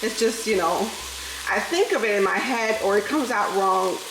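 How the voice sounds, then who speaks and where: Food fries in the home kitchen as this New York vlogger in her thirties, Spanish her first language, cooks and chats with viewers she calls "y'all," laughing often. Her accent mixes New York with a Southern lilt. The medium-pitched voice is animated, moderately paced and gravelly, with roomy sound and a noisy background.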